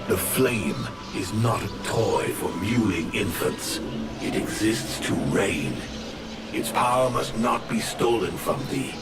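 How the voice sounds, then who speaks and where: A low, slow, wrathful fire demon for a video game, declaiming in grand archaic phrases. The voice sounds distant, under very loud music. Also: male voice. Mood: wrathful, commanding. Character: wrathful, imperious ancient flame demon spirit. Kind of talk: video game character acting.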